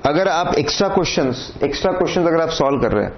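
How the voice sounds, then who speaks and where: A man's voice: a little high, expressive, racing. A man with an Indian accent giving an exam coaching lecture, talking directly and instructively and checking again and again that students follow. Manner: direct, repeats "correct?" and "theek hai", instructive. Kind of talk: lecture mixing Hindi and English. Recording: dull lo-fi sound with faint noise.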